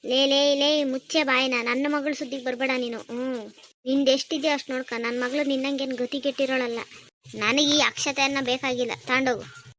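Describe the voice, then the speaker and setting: A woman's voice: high voice, steady tone, fairly quick, a little hiss or hum. Woman voicing a bossy scolding mother-in-law. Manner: sharp scolding, taunting. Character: domineering scolding middle-aged mother-in-law. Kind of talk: cartoon voice acting.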